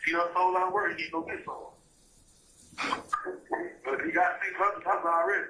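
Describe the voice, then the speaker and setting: A man is heard on a prison phone call, played back from a recording. His slightly high voice sounds far from the mic, echoing and buried in steady noise. He mumbles, curses and restarts his sentences. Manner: mumbled, profane, halting restarts. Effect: prison phone call played back in a courtroom. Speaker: inmate on a jail call. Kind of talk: casual phone chat. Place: jail phone, played on courtroom speakers. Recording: distant, echoey, noisy jail phone recording.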